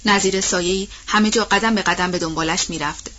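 A woman reads a novel aloud in a measured, expressive storytelling voice. Her tone is bright and clear, sitting at a middle pitch. The recording sounds dull and lo-fi. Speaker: audiobook narrator. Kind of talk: scripted novel narration.

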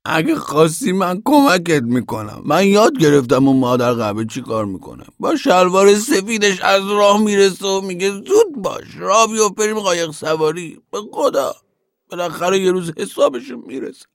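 A male narrator voicing a self-pitying one-eyed grown man who complains in a slow, plaintive way. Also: sits high, animated, vocal fry, no room sound, clean studio sound. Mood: complaining. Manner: plaintive, dragging delivery.

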